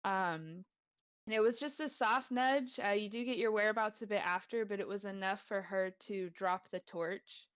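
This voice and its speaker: A woman's voice: medium pitch, moderate pace, smooth, no echo, lo-fi sound. A woman game master improvising narration in an informal, playful, sweary way.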